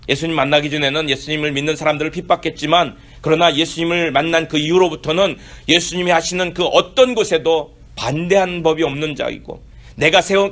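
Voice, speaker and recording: A man's voice: a little high, fairly bright tone. A middle-aged man preaching a sermon as pastor, building emphasis on key points and acting out quoted questions.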